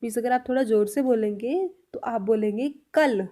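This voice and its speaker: A woman with a fairly high voice leads a spoken language lesson. She explains clearly and patiently, addressing her viewers directly. She says each example sentence at a slow pace and repeats it. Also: dark tone. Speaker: language teacher.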